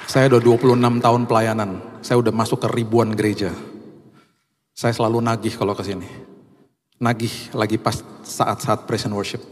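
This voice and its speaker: Middle-aged pastor preaching in echoing hall. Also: male voice, on the low side, little pitch movement, normal speed, a little hiss or hum. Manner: humorous storytelling, acting out dialogue. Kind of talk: sermon. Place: large church hall. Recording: church hall with long reverb.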